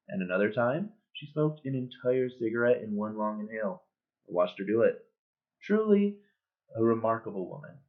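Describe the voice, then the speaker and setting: BoJack: a man reading as a sardonic washed-up horse. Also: lowish voice. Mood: sardonic eulogy. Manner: sardonic, deadpan joking. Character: bitter, sardonic middle-aged male horse, washed-up star. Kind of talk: cold-read monologue. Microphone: built-in computer webcam mic. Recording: tinny, phone-like webcam audio.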